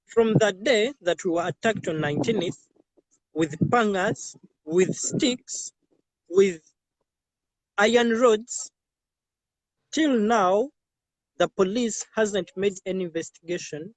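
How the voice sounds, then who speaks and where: A transgender woman gives a halting, pleading testimony as a refugee guest, her voice jumping loud on key words. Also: mid-range voice, no echo, rough recording. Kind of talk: emotional testimony.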